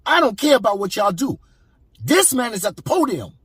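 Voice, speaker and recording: A man's voice: very high-pitched, big pitch swings, a little fast, fairly bright tone, breathy edge, no echo. A man giving heated, preachy commentary on a clip, emphatic and repeating himself.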